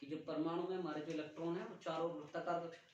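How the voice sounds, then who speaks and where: A man's voice: a little high, flat delivery, very fast, a little hiss or hum. A man teaching a physics class, calling on students to stand and answer and scolding those who haven't studied. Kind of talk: classroom lecture with student questioning. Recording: echoey room from far off, dull lo-fi.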